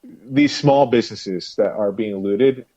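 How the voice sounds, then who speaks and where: A man's voice: fairly low pitch, takes it slowly, warm tone. A man hosting a casual podcast discussion, talking in a rambling way with many restarts. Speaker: podcast host. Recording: dull dry lo-fi audio.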